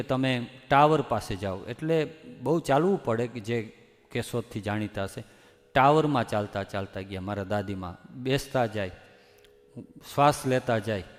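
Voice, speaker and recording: An earnest religious speaker from Gujarat, a man of middling pitch, pleads with his audience and presses his points with emphatic warnings. A long hall reverb trails every phrase. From Gujarat, India. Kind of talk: devotional discourse.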